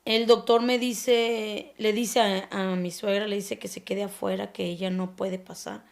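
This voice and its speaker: Gravelly Mexican woman, halting testimony. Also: medium pitch, little pitch movement. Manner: halting and searching for words, often trailing off softly. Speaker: anonymous guest sharing her story. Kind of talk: personal testimony on a podcast.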